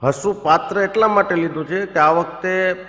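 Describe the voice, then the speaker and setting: A man's voice: high voice, moderate pace, a bit bright. A man, telling comic stories on stage and voicing his friends in the quoted lines. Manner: chatty storyteller, voices friends in quoted lines. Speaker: stand-up comedian telling stories. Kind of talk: live comic storytelling. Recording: echoey hall with long reverb. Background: audience laughter.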